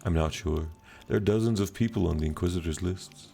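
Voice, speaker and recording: Brief: low, gravelly earnest refugee leader, read plainly by a man, measured and weary. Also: warm tone, soft background music.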